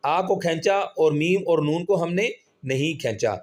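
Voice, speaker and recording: A man teaching Quran reading, spelling out syllables slowly and patiently and drawing out the vowels. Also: fairly high pitch. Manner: slow, patient, drawn-out syllables when spelling. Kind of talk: spelling-out recitation lesson.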